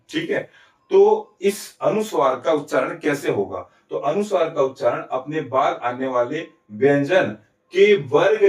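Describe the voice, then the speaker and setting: Male teacher with a Chhattisgarh accent, fairly high voice, asks a question and then answers it, keeps checking "ठीक है?", mic at a distance in an echoey room. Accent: Chhattisgarh Hindi. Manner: explains step by step, asks and answers his own questions; often adds "ठीक है?" and "है ना?" to check understanding. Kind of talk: Hindi grammar lesson.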